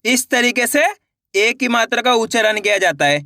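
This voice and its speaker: A man teaching Hindi reading on a video channel, sounding out words slowly syllable by syllable and calling his viewers friends. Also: very high-pitched, lively intonation, creaky, pushed and bright, no echo, studio quality. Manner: slow syllable-by-syllable drilling. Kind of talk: YouTube literacy lesson.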